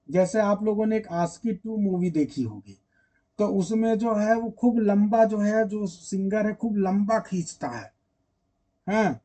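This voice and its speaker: A man's voice: high voice, warm tone. A man teaching literature in a casual online lecture, chatting directly with his students and drawing out words when he sings an example.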